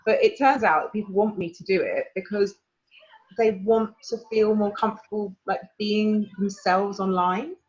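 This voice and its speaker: A woman with an English accent, a guest in a casual interview, telling animated stories and acting out what people said. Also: medium pitch, moderate pace, dull audio. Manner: animated storyteller, laughs often, acts out quotes.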